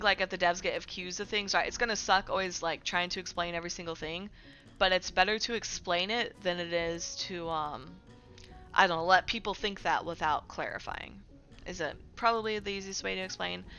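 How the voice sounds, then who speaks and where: A woman's voice: fairly low pitch, sharp tone, highs cut off. A woman streamer talking casually to her viewers, full of fillers and often checking in with "right?". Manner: chatty, filler-heavy, keeps asking "right?". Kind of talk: casual livestream commentary.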